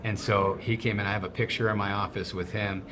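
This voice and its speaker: A man's voice: lowish voice, flat delivery, crowd noise. A man, a restaurant owner and chef, chatting as a guest in a casual conversation, enthusiastic and restarting his sentences often. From grew up in snowy region. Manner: enthusiastic, talks in quick bursts with restarts.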